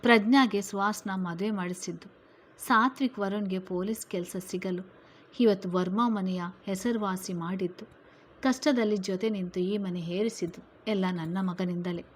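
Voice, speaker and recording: A woman reading a storybook voicing a stern, protective middle-aged mother who scolds her relatives loudly and forcefully. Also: mid-range voice, normal speed, natural voice. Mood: firm.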